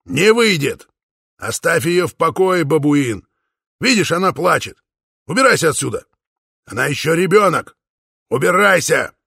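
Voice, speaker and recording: A man's voice: on the high side, big pitch swings, normal speed, no echo, studio quality. A man doing a blustering old Boer father. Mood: furious. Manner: shouting, blustering. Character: gruff old Boer father, loud, protective.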